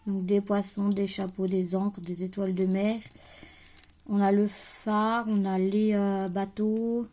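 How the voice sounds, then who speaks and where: A woman's voice: mid-range voice, level tone, takes it slowly, mellow. A young woman chatting casually through a craft haul at home, thinking aloud as she unpacks and trailing off now and then, with a light regional accent. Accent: French-speaking, regional. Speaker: crafting vlogger showing a haul. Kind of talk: casual haul chat to camera. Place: at home, at a craft table, creaky chair.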